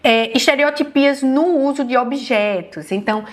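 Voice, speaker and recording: A woman's voice: sits high, normal speed. A woman with a Brazilian Portuguese accent giving an online health lecture as a neurologist, explaining patiently and often checking in with her listeners.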